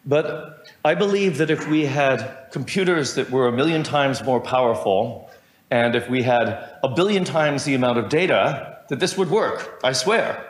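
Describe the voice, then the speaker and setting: A middle-aged man lecturing in a hall that rings with room echo. His voice sits at an everyday middle pitch. He drifts into wry asides and keeps stopping to correct himself. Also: lively intonation, a little slow. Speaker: professor giving a lecture. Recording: roomy lecture hall sound.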